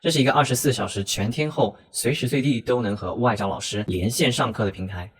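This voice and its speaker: A man hosting a vlog, narrating in a measured, explanatory way and asking interview questions. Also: medium pitch, a little hiss or hum. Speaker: host. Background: music.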